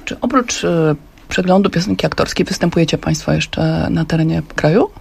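A man's voice: a little high, moderate pace, gravelly, a little hiss or hum. A man asking a guest questions in a radio interview.

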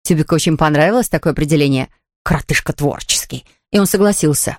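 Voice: mid-range voice, very fast, dry recording, studio quality. A narrator reading a children's storybook aloud, switching into voices for the characters.

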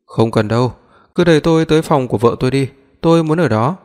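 A man's voice: mid-range voice, fast, darkish tone, natural voice. A man doing a cocky, teasing young man. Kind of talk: audiobook reading. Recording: long reverb.

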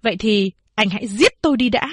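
A woman's voice: on the high side, a little fast, no echo, clean studio sound, natural voice. A woman voicing a stern, anguished middle-aged mother who pleads and scolds. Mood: fierce. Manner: pleading, then fierce.

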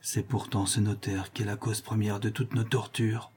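A man's voice: medium pitch, normal speed, warm tone, breathy edge, voice pushed up, natural voice. A man voicing a frightened pleading mother. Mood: tender. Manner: pleading, anxious. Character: frightened, desperate poor mother, middle-aged.

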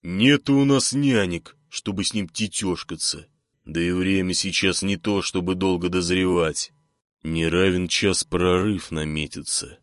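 A man's voice: low voice, a little slow, dry recording, studio quality. A man voicing a stern, gloomy blacksmith who speaks bluntly in an audiobook. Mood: gruff. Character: gruff, stern grown male blacksmith.

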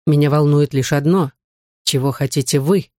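A man's voice: a little high, fairly even intonation, normal speed, dark tone, dry recording, studio quality, close to an everyday voice. A man reading an audiobook, playing a proud, sarcastic dwarf count. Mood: haughty. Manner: haughty, sarcastic.

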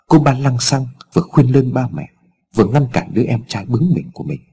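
A man narrating a scripted story in a measured, expressive reading. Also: medium pitch, vocal fry, husky.

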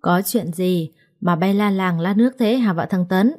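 A stern old mother-in-law barks harsh, scolding orders in a low, mellow voice, as a woman narrator reads her. She is domineering and cuts others off. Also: normal speed, lightly acted.

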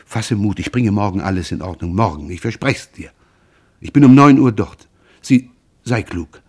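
A male reader voicing a gentle, level-headed young man who softly reassures his frightened mother in a literary reading. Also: on the low side, normal speed, husky. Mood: soothing. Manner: soft, soothing, reassuring.

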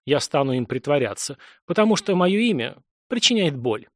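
A man's voice: a little high, very animated, moderate pace, a bit bright, no echo, studio quality. A man voicing a sly, mocking male demon in an audiobook, with a wry, teasing delivery.

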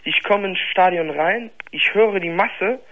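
A man's voice: sits high, unhurried, dull audio. A nineteen-year-old man from Germany calling in to a radio show, hesitant and searching for words. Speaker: caller. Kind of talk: phone-in conversation.

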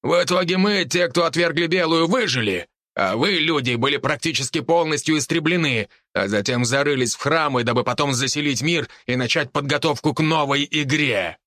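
Man as scarred wolf warlord, sneering growl, bright edge, dry close read. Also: fairly high pitch, moderate pace, hardly any pauses, no room sound. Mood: mocking. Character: scarred veteran wolf-beast warlord, mocking. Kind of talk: audiobook character voice.

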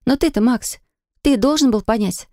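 A woman's voice: fairly high pitch, normal speed, darkish tone, dry recording, studio quality, pitched above the performer's own voice, lightly acted. A woman voicing a hurt, defiant young pregnant wife who talks in a bitter, reproachful way. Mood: wistful.

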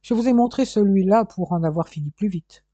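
A reader voicing a proud, quick-tempered young woman who speaks haughtily and indignantly. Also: medium pitch, mellow, no room sound, lo-fi sound, voice pushed up, close to an everyday voice. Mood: exasperated.

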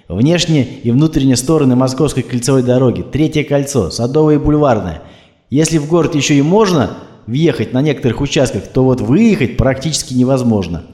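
A man's voice: mid-range voice, dark tone, voice pushed up, lightly acted. A man reading the part of a male radio traffic presenter with an announcer's delivery. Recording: roomy echo.

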